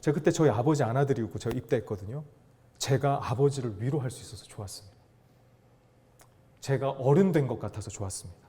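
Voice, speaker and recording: Animated male lecturer with lively pitch. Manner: animated, acts out dialogue, asks audience questions. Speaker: seminar lecturer on fatherhood. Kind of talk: lively lecture to an audience of fathers.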